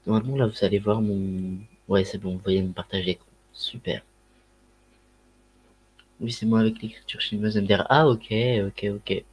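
A man's voice: on the low side, steady tone, normal speed, slightly rough. A man with a Ch'ti accent chatting casually on a livestream through a headset mic, rambling with lots of fillers and slang. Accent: Ch'ti (northern French). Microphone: headset microphone.

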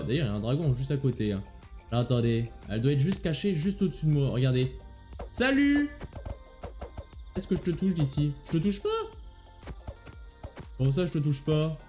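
Man, casual gameplay commentary, slightly high voice, chatty, teases enemies, faint music behind. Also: a little mellow. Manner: chatty, talks to viewers, taunts enemies playfully. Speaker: gaming video host.

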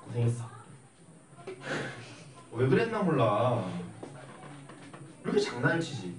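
A young man teaching math in a classroom, telling an animated story and acting out the voices. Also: mid-range voice, a little fast. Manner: animated, acts out voices while telling stories. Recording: echoey room, mic at a distance.

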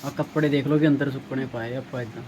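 A man's voice: medium pitch, steady tone, fast. A man narrating a casual family vlog at home. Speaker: family vlogger. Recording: faintly noisy home recording.

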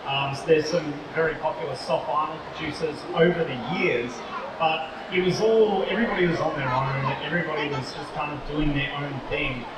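A man's voice: a little high, a little fast. A man telling stories in a chatty live talk as a toy company co-founder. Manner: chatty, conversational storytelling. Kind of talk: casual live presentation. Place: large indoor shopping mall expo. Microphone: distant mic on a live talk. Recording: echoey mall hall, distant mic, crowd noise.

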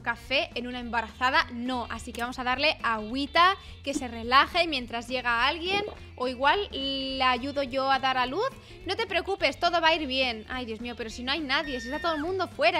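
Young gamer girl, high bright voice, yelps and gasps at the game. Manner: excitable, exclaims and reacts loudly to the game. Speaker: gaming YouTuber. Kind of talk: lively gameplay commentary.

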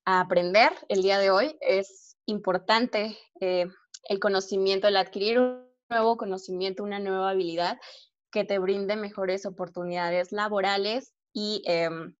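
A woman's voice: mid-range voice, fairly even intonation, moderate pace, muffled recording. A woman teaching an English lesson live online, explaining patiently and often checking in with her listeners. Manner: patient, encouraging explanations with frequent check-ins.

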